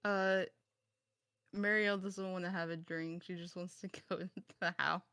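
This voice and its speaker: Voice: mid-range voice, level tone, normal speed, bright, forceful tone, clear, resonant tone, dry recording, clean studio sound. A player at a tabletop game, bantering playfully and checking rules. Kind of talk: casual tabletop play.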